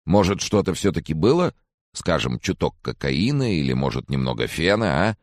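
A man's voice: a bass voice, big pitch swings, moderate pace, no room sound, full character voice. A man voicing a tired male doctor who speaks in a dry, matter-of-fact, slightly mocking way, as an audiobook character voice.

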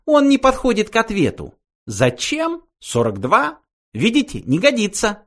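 High, squeaky little male mouse who talks briskly and at length, worn out by his long task, as a male narrator puts him on. The voice stays well above a normal man's pitch and jumps about lively as he explains. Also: exaggerated voice. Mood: explaining. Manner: brisk, talkative, fed up.

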